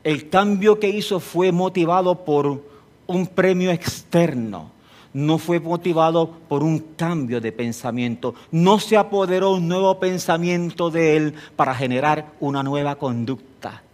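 A man preaching a sermon, telling stories in an animated way and rising to emphatic peaks. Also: a little high, a little slow.

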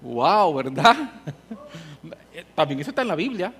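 A male preacher delivering a sermon with a notably high voice. He speaks passionately, pushing phrases louder for emphasis and then dropping back. His delivery is emphatic and driving. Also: sing-song, slow pace, slightly rough. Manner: passionate, emphatic, with rising and falling volume.

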